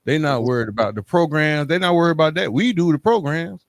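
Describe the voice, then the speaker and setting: Talking fast in a higher-than-average voice, a middle-aged podcast host drives his points home with emphasis and keeps tacking on tag questions to make sure you're following. The recording is dry, with virtually no room sound.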